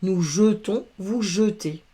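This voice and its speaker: A woman teaches verb conjugation, spelling out each letter and sound patiently. She speaks at a very slow, deliberate pace. Her voice is warm and mellow, in a middle register. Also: medium pitch. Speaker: French grammar teacher. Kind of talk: slow, careful grammar lesson.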